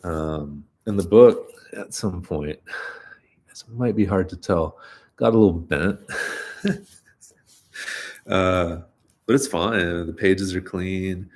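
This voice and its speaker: Reading stories aloud on a live stream, this man speaks slowly in a deep voice with long pauses. Between readings he rambles relaxedly with plenty of fillers, sounding slightly stuffy and nasal.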